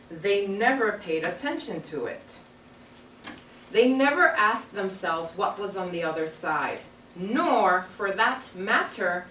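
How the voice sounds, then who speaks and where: Her voice medium in pitch and a bit bright, an elementary school teacher guides young children through a read-aloud with simple, instructive phrases. They are in a carpeted classroom full of children. The recording, from a far camera across the room, is roomy and distant, with background noise.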